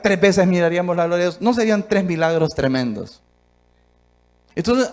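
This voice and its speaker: A man from Honduras preaching a sermon emphatically, asking rhetorical questions and swinging between soft and loud delivery. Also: high voice.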